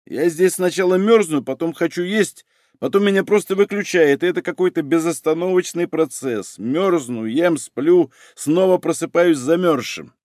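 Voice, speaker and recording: Guy voicing a whiny grumpy forensic guy in an audiobook, pitched up a bit, lots of pitch swing, dry sound. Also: big pitch swings, fairly quick, few pauses, dry recording. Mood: whiny grumbling. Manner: whining, grumbling. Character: whiny cold-suffering male forensic expert.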